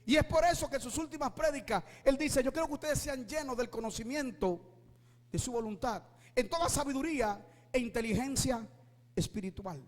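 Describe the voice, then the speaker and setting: High-voiced impassioned preacher man. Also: animated, fairly quick, big-room sound. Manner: impassioned, shouting at peaks, asks the congregation rhetorical questions. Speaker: pastor. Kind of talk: preaching sermon.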